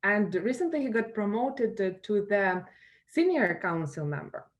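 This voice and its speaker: A woman with a Ukrainian accent moderates a school alumni panel's roundtable Q&A, using many fillers and restarts. Her medium-pitched voice is sing-song and a little slow.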